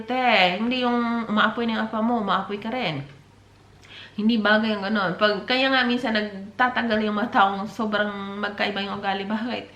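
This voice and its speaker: A woman's voice: fairly high pitch, a bit bright. A woman giving dating advice in a casual vlog, chatty, mixing in English phrases and calling her viewers by pet names. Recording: roomy echo.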